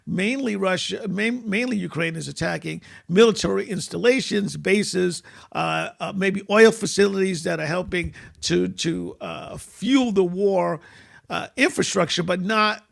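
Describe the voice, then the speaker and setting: A man hosting an interview, asking measured, reflective questions. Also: sits high, gravelly. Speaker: interview host. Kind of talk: conversational interview.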